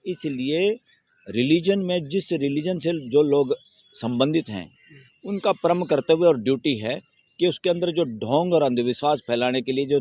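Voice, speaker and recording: A man speaking as an advocate in an interview, giving long emphatic answers that build into forceful rhetorical questions. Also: mid-range voice, no echo. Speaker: Supreme Court advocate, interviewee. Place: outdoors near a courthouse.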